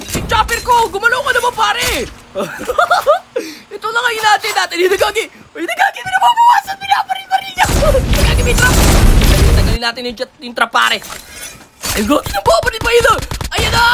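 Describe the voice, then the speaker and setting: High, lively-voiced woman shouting gameplay commentary. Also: creaky, heavy background noise. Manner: excitable, slangy, frequent shouts and laughs. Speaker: gaming streamer. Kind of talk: excited live gameplay commentary. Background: game music and sounds.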